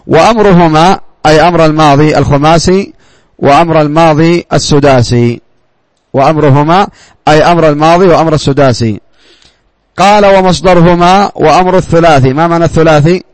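A man's voice: fairly high pitch, dry recording. A man teaching a class, who asks his students questions, answers them himself and repeats words for emphasis. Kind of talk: classroom grammar lesson.

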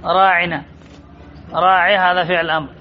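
A man's voice: high-pitched, flat delivery, moderate pace, slight background noise. A man teaching an Arabic grammar lesson to a class, reading from a text, repeating key terms and calling on students by name to answer. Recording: dull lo-fi classroom recording.

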